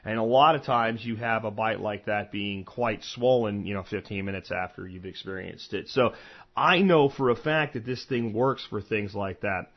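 A man's voice: fairly low pitch, moderate pace. American man podcasting, dull lo-fi sound. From eastern United States, Florida and Pennsylvania. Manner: conversational, rambling with personal anecdotes and asides. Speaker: podcast host. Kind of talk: informal solo podcast talk on medicinal plants.

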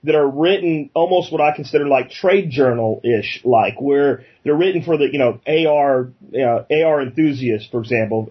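A man hosting a casual interview, thinking aloud in a halting way. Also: medium pitch, husky, highs cut off. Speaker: interviewer, host.

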